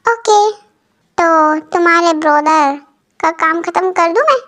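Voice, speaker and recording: A woman's voice: very high voice, measured pace, fairly bright tone. A woman voicing a possessive young male mafia boss, talking in a blunt, commanding way.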